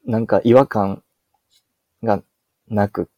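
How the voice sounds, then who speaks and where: A man's voice: on the low side, fairly even intonation, slow pace, no echo, lo-fi sound. A young man in his twenties with a Kansai accent, co-hosting a casual podcast chat in a laid-back, agreeable way with lots of drawling fillers. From Kansai, Japan. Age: 20s. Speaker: podcast co-host.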